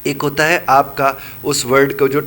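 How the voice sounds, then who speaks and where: A man's voice: medium pitch, flat delivery, fairly bright tone. A middle-aged man, an English teacher, answering interview questions and explaining with many examples. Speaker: English teacher and IELTS tutor.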